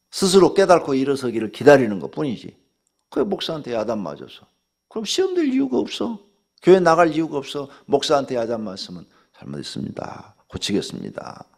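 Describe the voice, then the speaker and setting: An older man preaching a dawn sermon as pastor, blunt and scolding, acting out dialogue with sudden jumps in pitch. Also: vocal fry.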